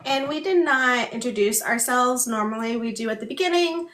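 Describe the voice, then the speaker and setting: A woman hosting a casual livestream chat, signing while speaking, so her phrases come out halting and broken up. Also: a little high, fairly bright tone. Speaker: book club host and ASL voice interpreter. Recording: echoey room.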